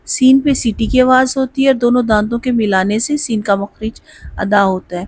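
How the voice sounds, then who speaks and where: A woman with a fairly high voice teaches a recitation lesson in a slow, patient drill. She explains each sound briefly, then chants the syllables one by one. The recording is close and dry. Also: steady tone, a little mellow, no room sound, poor audio.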